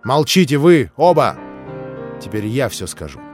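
A man reading an audiobook voices a lively, capricious young woman who teases playfully and flares up fiercely. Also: medium pitch, moderate pace, over music, lightly acted. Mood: vehement. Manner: playful, teasing, then vehement.

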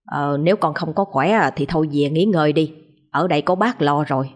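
A woman's voice: sits low, fairly quick. A woman voicing a stern yet caring older man who owns a workshop, speaking. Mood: concerned. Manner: stern but caring, paternal.

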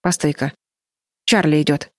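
A woman's voice: low voice, fairly even intonation, normal speed, darkish tone, no room sound, clean studio sound, close to an everyday voice. A woman voicing an anxious, sensible girl who speaks sternly and pleads, in a storybook reading.

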